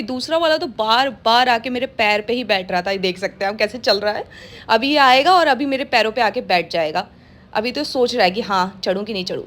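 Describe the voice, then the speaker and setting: A woman's voice: fairly high pitch, a bit bright. A woman narrating a pet vlog in a casual, gushing and affectionate way, laughing often. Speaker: pet vlogger.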